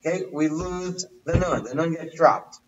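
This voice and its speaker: A man with a high voice leads a casual language lesson. He keeps quizzing his listeners and repeating the same questions. He sounds set back from the mic, and the audio is dull and muffled. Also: normal speed, noisy background. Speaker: teacher. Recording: distant, muffled livestream audio.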